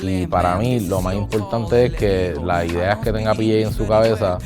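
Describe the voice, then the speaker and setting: A man's voice: fairly low pitch, fairly even intonation, moderate pace. A man, a music director speaking casually in a documentary interview, mixing in English words.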